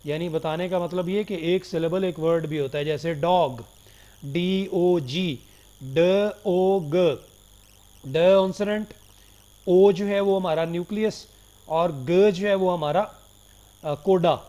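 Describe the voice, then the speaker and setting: Man, high-pitched voice, phonetics lecturer, recorded lecture, Hindi-Urdu with English terms, slow English definitions. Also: mellow. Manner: reads English definitions slowly and deliberately; checks in often with "theek ho gaya".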